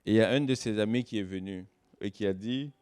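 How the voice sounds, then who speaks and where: A man giving a sermon as guest pastor, swinging between loud, slow emphasis and soft, low asides. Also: clean tone. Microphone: online church service recording.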